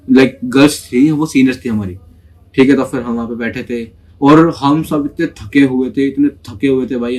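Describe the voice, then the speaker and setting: A young man telling a school story in a casual, chatty way, full of fillers and quick acted-out quotes. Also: medium pitch, darkish tone. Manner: chatty, many fillers, acts out quoted voices.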